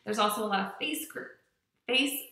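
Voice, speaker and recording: A woman's voice: medium pitch, normal speed, pushed and bright, roomy sound. A woman who teaches English online, giving upbeat, chatty tips in a casual vlog with frequent fillers. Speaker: online ESL teacher and channel host.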